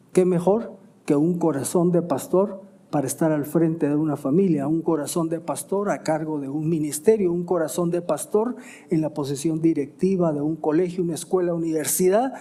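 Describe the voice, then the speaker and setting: High-voiced preacher. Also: male voice. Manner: rising emphatic questions then quiet answers; stops to self-correct and ask "¿verdad?". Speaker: pastor. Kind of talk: sermon.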